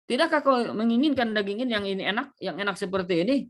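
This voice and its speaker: A pushy man at a goat roast who keeps pressing the same question, over and over, in a voice pitched well above the speaker's own. A male preacher acts him out in a story told during a sermon, and his questions climb higher each time. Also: lively intonation, quick pace. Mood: insistent. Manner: insistent, repeats the same question.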